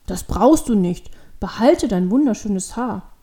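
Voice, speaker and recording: A woman reading a storybook aloud, voicing a kind and patient old man who talks gently and fondly. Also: medium pitch, unhurried, natural voice. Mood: calm. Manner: gentle, calm, fond.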